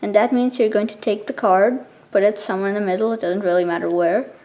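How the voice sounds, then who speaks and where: A woman explaining something step by step in a casual, informal tutorial style, with halting pauses between steps. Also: mid-range voice, steady tone, warm tone. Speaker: card trick tutorial presenter.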